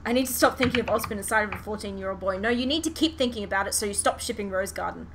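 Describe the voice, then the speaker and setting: Racing along in a medium-pitched voice, a woman chats on a fan podcast she hosts, animated and swearing freely as she giggles through a retelling about a fandom. Clear background noise runs under the recording.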